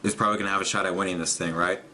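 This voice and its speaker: Over slight background noise, a deep-voiced man hosts a sim racing livestream, speaking at a racing pace with a bright, forceful tone and fairly even intonation. Slightly congested from allergies, he chats casually before the race and gets louder and upbeat for intros.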